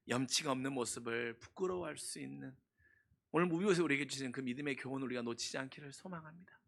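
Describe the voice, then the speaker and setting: A male pastor preaching a sermon earnestly, stressing points with slow, repeated phrases. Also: medium pitch, vocal fry, a bit bright.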